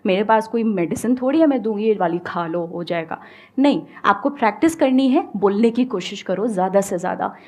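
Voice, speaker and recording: A woman with an Indian accent giving an animated motivational talk on speaking English, mixing Hindi and English. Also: medium pitch, a little fast. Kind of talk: motivational talk with audience questions.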